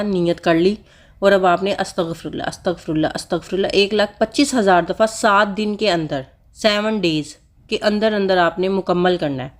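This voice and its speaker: A woman vlogger with school-age children, earnestly explaining a personal practice to viewers in a casual, repetitive, instructive way. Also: medium pitch. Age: adult with school-age children. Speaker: vlogger sharing personal religious advice. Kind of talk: casual heartfelt talk to viewers.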